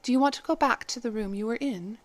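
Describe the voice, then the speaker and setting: A woman reading the part of a calm, kindly head maid who speaks gently and formally. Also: fairly high pitch, fast talker, close to an everyday voice. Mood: gentle.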